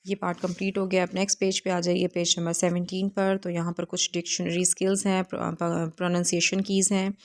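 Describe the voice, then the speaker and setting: A woman teaching an English textbook lesson in a video, reading the English lines slowly and carefully and explaining them with hesitant fillers. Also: lowish voice, level tone.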